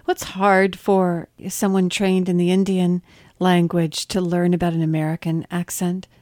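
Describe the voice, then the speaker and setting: Mellow-voiced woman interviewer. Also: on the low side, flat delivery, unhurried, no echo, studio quality. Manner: curious, engaged questioning. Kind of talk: interview questions.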